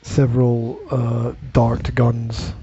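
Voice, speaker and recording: A man co-hosting a casual home podcast, talking in a halting, repetitive way with a dry, teasing humor. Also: medium pitch, completely flat delivery, dark tone. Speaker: podcast co-host. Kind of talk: casual chat. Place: home living room. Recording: muffled lo-fi home recording with faint noise.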